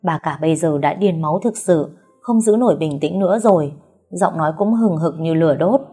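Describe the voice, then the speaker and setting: A woman narrating a novel in a steady audiobook reading. Her voice is low, mellow and dark, with a breathy huskiness. Quiet music plays under her throughout. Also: fairly quick. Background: soft background music.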